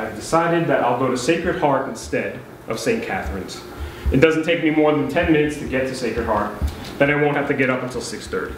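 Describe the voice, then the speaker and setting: This man's voice is medium in pitch and a bit bright, with a slight hiss or hum on the recording. He's reading an old letter to an audience at a live poetry event in a beach house venue, pausing occasionally for casual asides. The space is very echoey, with faint background ambience.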